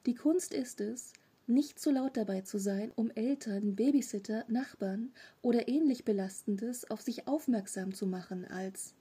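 A woman's voice: fairly high pitch, unhurried, dark tone, husky. A woman reading a storybook, voicing a curious, naive male three-eyed monster who explains things matter-of-factly. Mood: explaining.

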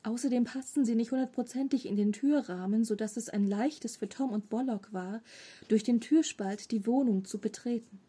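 Breathy woman reading a kids' audiobook. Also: on the high side, moderate pace. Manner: steady storytelling. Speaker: audiobook reader. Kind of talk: children's audiobook narration.

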